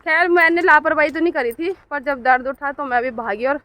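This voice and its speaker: A woman's voice: high voice, fairly even intonation, fairly quick, bright, forceful tone. A middle-aged woman, chatting homely to camera in a vlog and often tagging questions to her viewers. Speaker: family vlogger. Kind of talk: casual vlog narration. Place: city streets and home.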